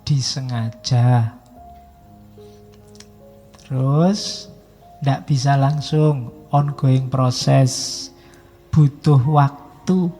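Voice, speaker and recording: A man's voice: mid-range voice, warm tone. A middle-aged man giving a public lecture, talking in a conversational, teasing way and stretching out words for emphasis. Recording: echoey hall with faint music.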